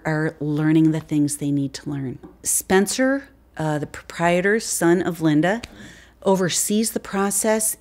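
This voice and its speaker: A woman in her fifties with a notably low voice talks through her winery's wines in a seated interview. She speaks in a relaxed, conversational way, with easy pauses and fillers. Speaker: winery wine specialist. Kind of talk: sit-down interview answers. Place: indoor winery tasting room.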